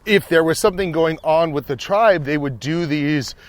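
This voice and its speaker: A man's voice: fairly high pitch, moderate pace. A man hosting a podcast while on a hike, thinking aloud with frequent restarts and tag questions. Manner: musing, lots of restarts and fillers, frequent "right?". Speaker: podcast host. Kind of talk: casual chat on a hike. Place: outdoors on a hiking trail.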